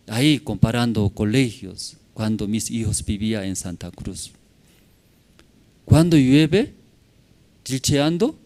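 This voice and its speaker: A male pastor preaching a Sunday sermon in church. He speaks in short, simple phrases and keeps checking in with the congregation. His delivery swings between loud, emphatic bursts and quiet asides. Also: lowish voice. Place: church service.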